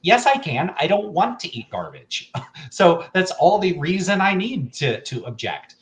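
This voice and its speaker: Animated, tipsy man arguing his point. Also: high-pitched, measured pace. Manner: animated, emphatic, acting out imagined objections; tipsy, loose drunk rambling. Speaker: streamer giving opinions. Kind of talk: casual argumentative monologue on a livestream.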